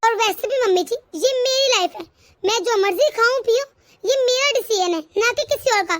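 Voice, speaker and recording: A woman voicing a sharp-tongued young daughter-in-law in a cartoon family drama, arguing indignantly. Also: very high voice, moderate pace, no echo. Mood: defiant. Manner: argumentative, indignant. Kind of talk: cartoon voice acting.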